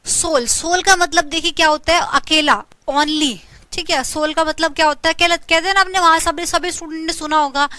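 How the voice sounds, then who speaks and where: A high, bright-voiced Indian woman teaches English vocabulary in an online exam-prep class. Her throat is slightly sore, and she keeps repeating each word and asking students to say it back. The close recording sounds dry, with no room echo. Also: fairly even intonation, moderate pace. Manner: repeats words, asks students to say them along.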